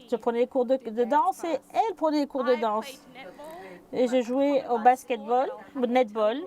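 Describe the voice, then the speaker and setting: A woman giving live interpretation of a speech, speaking haltingly and often correcting herself. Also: on the high side, warm tone. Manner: halting, with restarts and fillers.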